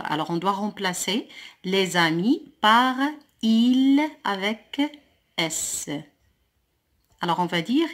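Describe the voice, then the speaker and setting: A Moroccan woman teaching a primary school French lesson, reading words slowly and clearly, then explaining quickly. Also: fairly low pitch, a bit bright. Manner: slow deliberate dictation of words, switching to quick explanations.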